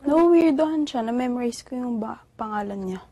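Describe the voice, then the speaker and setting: A young woman vlogger in casual gossip chat, teasing and excitable, with sudden loud bursts. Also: fairly high pitch, moderate pace.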